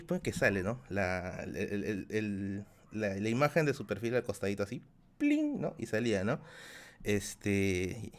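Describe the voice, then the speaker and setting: A man in his thirties with a Peruvian accent, telling a rambling story to his live chat as a streamer host, repeating phrases and laughing often. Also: medium pitch. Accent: Peruvian Spanish. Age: 30s.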